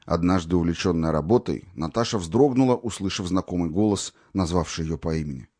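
A man reading an audiobook in an expressive narrating voice. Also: low-pitched, brisk, no room sound. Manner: expressive, varied.

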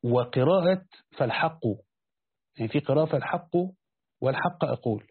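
Husky fast-talking Egyptian sheikh, tinny sound. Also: male voice, medium pitch, animated, dry recording. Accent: Egyptian Arabic. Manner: explains by asking and answering his own questions. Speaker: sheikh teaching a Quran commentary. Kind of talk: reading a text aloud and explaining it. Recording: tinny phone-like lo-fi recording.

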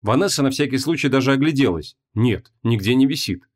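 A man narrating a fantasy audiobook in an even, measured storytelling manner. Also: mid-range voice. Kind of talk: scripted narration.

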